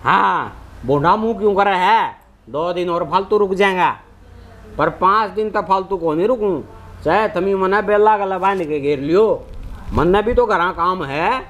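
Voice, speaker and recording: A man acting a high-pitched, swaggering Haryanvi town drunk. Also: unhurried, fairly bright tone. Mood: smug, stubborn. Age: young adult. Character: brazen drunken village son-in-law, stubborn and boastful. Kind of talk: Haryanvi comedy skit acting. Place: open concrete house courtyard, outdoors.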